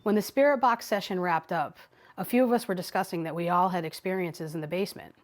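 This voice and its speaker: A woman's voice: on the low side, fast. A woman, a paranormal investigator, recounting and narrating events in a plain, matter-of-fact way. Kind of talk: casual chat and voice-over narration. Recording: echoey room, heard from far off, with faint noise.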